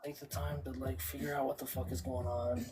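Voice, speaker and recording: A man's voice: mid-range voice, level tone, brisk, rough recording. A man livestreaming a casual, rambling, profane monologue, reflective and full of fillers like "like". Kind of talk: rambling live-stream monologue. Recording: loud music behind the voice.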